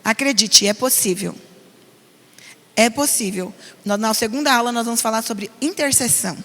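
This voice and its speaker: A middle-aged woman pastor with a São Paulo Brazilian accent, teaching a parenting class in an earnest, animated way. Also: fairly high pitch, moderate pace. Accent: Brazilian Portuguese, São Paulo. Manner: earnest, animated, mimics nagging voices. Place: church hall. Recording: long reverb of a church hall.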